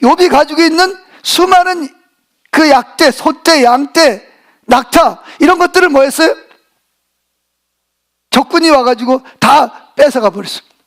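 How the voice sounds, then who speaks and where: Male pastor, animated sermon delivery, asks the congregation rhetorical questions; very high-pitched for a man. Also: measured pace, long pauses.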